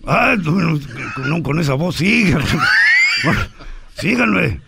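A man telling a joke as a comedian in a radio sketch, theatrical, with exaggerated drawn-out laughs. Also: a little high, lively intonation, vocal fry, fairly bright tone, husky, no echo. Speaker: comedian contestant.

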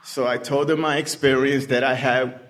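A man's voice: medium pitch, little pitch movement, moderate pace, a bit bright. A man, telling his recovery story in a casual, conversational way, often acting out what people said to him. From Puerto Rican heritage. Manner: conversational storytelling with frequent "you know" and acted-out quotes. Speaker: recovery speaker. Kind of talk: storytelling share at a recovery meeting.

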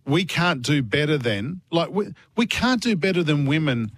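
Sports host: Australian man, highish and animated, slangy, insistent, blokey banter, dry studio. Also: normal speed, no echo. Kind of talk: opinionated casual banter. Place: radio studio.

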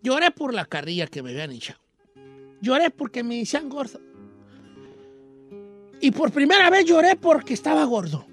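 Guy doing a high old mexican rancho dude, mexican accent, rambly funny radio storyteller. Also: very animated, normal speed, long pauses, fairly bright tone, faint music behind, exaggerated voice. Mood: folksy storytelling. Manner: rambling, folksy, self-mocking. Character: old male Mexican rancher, folksy and comic. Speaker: radio show host.

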